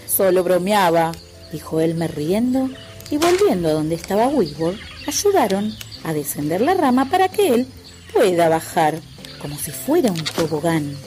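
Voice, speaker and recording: A woman's voice: fairly low pitch, moderate pace, soft background music. A woman, expressively reading a children's story aloud. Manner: expressive, lilting.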